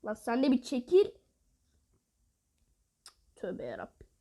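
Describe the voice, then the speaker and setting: A woman giving live gameplay commentary, excitable, bursting into exasperated outbursts and taunting opponents while talking to her viewers. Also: a little high, slow pace. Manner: addresses viewers directly. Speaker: mobile game player.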